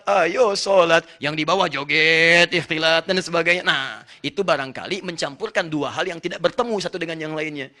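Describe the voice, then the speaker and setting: An Indonesian man preaches an Islamic lecture, explaining emphatically and addressing his audience directly. His fairly high voice sounds bright and forceful.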